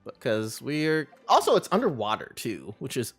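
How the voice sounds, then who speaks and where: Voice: medium pitch, very animated, moderate pace, husky. A game live streamer chatting casually in a bubbly, cutesy, playful way. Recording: faint music behind. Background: faint game music.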